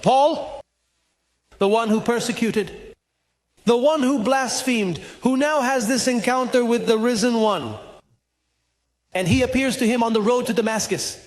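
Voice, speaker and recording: A man's voice: extremely high pitch, measured pace, long pauses. A man preaching a sermon at a church conference, emphatic and full of rhetorical questions.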